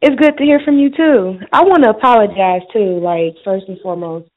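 A woman's voice: mid-range voice, fairly quick. A woman calling in to a live show over the phone, talking casually and hesitantly, apologetic, with lots of "like" and "you know". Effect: phone-line caller voice. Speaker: call-in show caller. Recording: tinny phone line.

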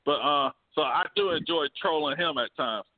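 A man co-hosting a podcast, arguing sports in an animated, joking way with bursts of laughter. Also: fairly high pitch, normal speed. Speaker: podcast co-host. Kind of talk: casual sports debate. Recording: phone-like narrow band.

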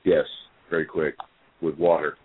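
A man's voice: rumbling low, flat delivery, moderate pace. A man co-hosting a fishing talk show, calling in on a speakerphone, chatting easily with lots of fillers. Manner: easygoing, many fillers and restarts. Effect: on speakerphone over a phone line. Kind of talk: casual fishing chat and reading a report aloud. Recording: tinny echoey speakerphone call.

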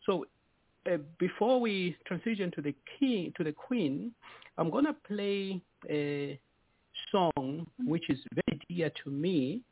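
A man's voice: on the high side, slightly rough, dry recording. Man, tinny and dry. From eastern Zambia. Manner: explanatory, with playful teasing banter. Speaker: radio show host. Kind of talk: radio talk show discussion. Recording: tinny phone-like dry sound.

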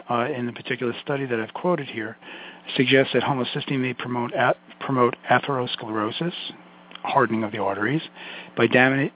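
A man with a Brooklyn accent giving an informal health lecture, addressing listeners directly in a folksy way with emphatic asides. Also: medium pitch. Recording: muffled, phone-like lo-fi audio.

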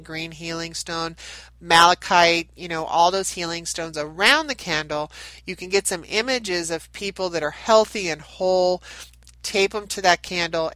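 A woman's low, fairly bright voice carries a nasal quality from a fading head cold as she, a card reader and channel host, gives a meandering spiritual talk to camera. She's chatty and restarts frequently. No room sound comes through, though the recording is rough.

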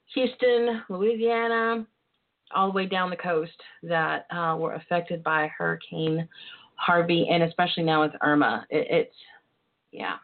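A woman hosting a casual internet radio show with a campy, sassy, bawdy and chatty manner. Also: fairly low pitch. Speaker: host. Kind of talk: casual solo radio chat. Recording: tinny phone line sound.

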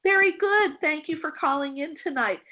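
A woman's voice: high voice, lively intonation, normal speed. A woman hosting a call-in psychic show, chatty and reassuring, laughing easily as she passes on messages. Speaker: psychic medium host. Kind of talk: call-in radio reading. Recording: tinny phone-line sound.

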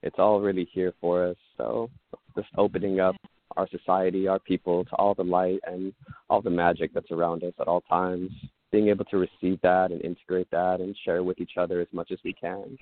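A man calling into a radio show over a phone line, speaking calmly and earnestly. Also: sits low, a little fast. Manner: calm, earnest, spiritual phrasing. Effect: caller heard over a phone line. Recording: tinny phone line, dry.

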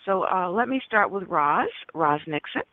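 A woman's voice: lowish voice, lively intonation, moderate pace, no echo. A woman hosting a radio talk show who reads formal guest introductions, with small slips and corrections. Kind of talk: reading guest introductions, interviewing. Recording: narrow phone-line radio sound.

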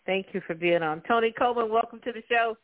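A man with a noticeably high voice hosts sports talk radio, chatting and bantering with guests in a casual way. The sound is narrow and thin, like a phone line. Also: fast.

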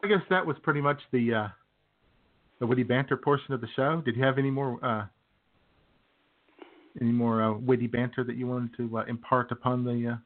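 With a medium-pitched, steady voice, this comedy podcast co-host talks fairly fast but pauses often, mixing joking banter with mock-serious lines. The sound has a thin, phone-like internet radio quality.

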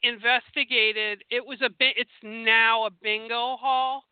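A woman host chats eagerly and wanders from point to point, filling gaps with ums and you-knows. Her voice is smooth and clear, but it arrives through a dry, narrowband, phone-like line. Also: on the high side, steady tone, measured pace, dry recording. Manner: enthusiastic, meandering, lots of fillers. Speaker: podcast host. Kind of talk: casual interview chat. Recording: dry, phone-like call audio.

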